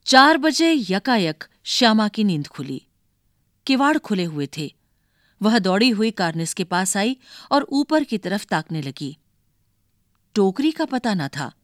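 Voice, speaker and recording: A woman reading a children's story aloud, narrating in a measured way and announcing page numbers. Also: mid-range voice, sing-song, no room sound, clean studio sound.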